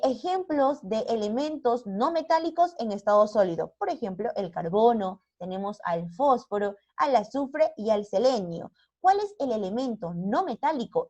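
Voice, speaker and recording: A woman with a Peruvian Spanish accent teaches a primary science class online. Her voice sits at a middling pitch and the audio is slightly dull. She keeps the children engaged by asking questions and checking in with them. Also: a little mellow.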